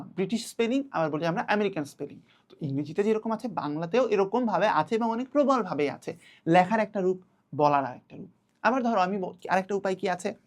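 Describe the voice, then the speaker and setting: A young woman teaching an online class to children, patient and repeating key words slowly. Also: fairly low pitch, a little mellow.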